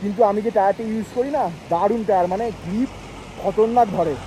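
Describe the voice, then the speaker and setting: A man from India narrating a motorcycle travel vlog outdoors on a high mountain road, short of breath and talking slowly in short phrases. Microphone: action camera or phone on the bike trip. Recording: noisy outdoor recording with wind and engines.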